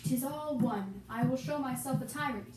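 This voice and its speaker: A young woman gives an amateur, theatrical reading of Shakespearean dialogue for a puppet show, slowly reciting the archaic lines in a high, slightly mellow voice. The mic is distant in an echoey room, with hissy noise.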